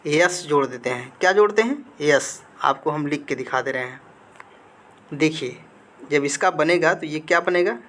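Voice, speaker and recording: A man's voice: a little high, normal speed, fairly bright tone. A male grammar teacher giving a slide lesson. He keeps asking the students questions and answers them himself, repeating key words. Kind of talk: classroom-style lesson with slides.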